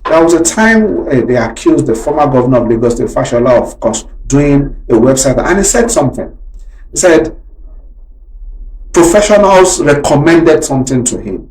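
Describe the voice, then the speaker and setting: A man's voice: medium pitch, expressive, moderate pace, darkish tone, roomy sound, recorded from a distance, rough recording. A man with a Nigerian English accent, a local government chairman speaking earnestly in a radio interview, often restarting his sentences. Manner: earnest, hesitant, with frequent restarts.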